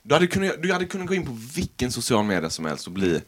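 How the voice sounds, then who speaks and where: Loud-laughing young man, lively pitch. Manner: swears a lot, laughs loudly, teasing. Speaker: podcast host. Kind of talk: casual chat. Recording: lo-fi home podcast audio.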